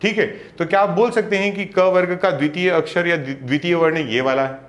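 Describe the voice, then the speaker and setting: A man teaching an exam-prep lesson, explaining step by step, asking questions and answering them himself, and sounding out letters slowly one by one. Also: fairly high pitch, echoey room.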